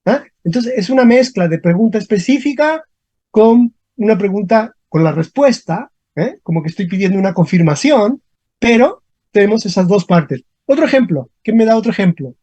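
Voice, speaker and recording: A teacher runs an online grammar lesson over a video call, repeating each example question and tagging checks onto every point. The voice is mellow and slightly husky, with a lively, swooping pitch. The sound is dry and dull, like lo-fi call audio. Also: no echo. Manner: slow, repeats questions, frequent checking tags.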